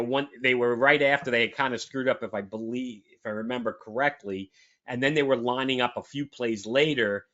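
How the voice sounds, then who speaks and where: On a sports talk show, this co-host rambles emphatically and keeps restarting his sentences in casual chat. He speaks at a medium pitch in a bright, forceful tone, captured on dull lo-fi audio.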